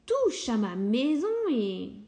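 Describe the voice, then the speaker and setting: A woman doing a rude shouting little piglet. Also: a little high, very animated, full character voice. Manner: shouting, quick and insolent. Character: rude, loud, lazy little piglet boys.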